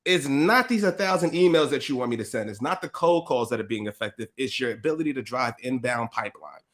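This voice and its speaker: Male guest, rapid casual storyteller who voices the people in his stories. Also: mid-range voice. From USA. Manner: lively, slangy, acts out quotes, laughs often.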